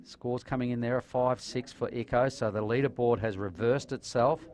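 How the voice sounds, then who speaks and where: A man's voice: medium pitch, moderate pace, a little mellow. A man commentating live on a surf contest in a laid-back surfer announcer manner with colloquial slang.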